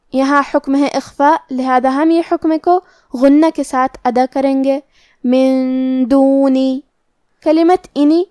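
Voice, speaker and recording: A woman teaching Quran pronunciation rules in a calm, methodical way. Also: high voice, no echo, clean studio sound. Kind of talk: tajweed lesson, explaining then reciting slowly.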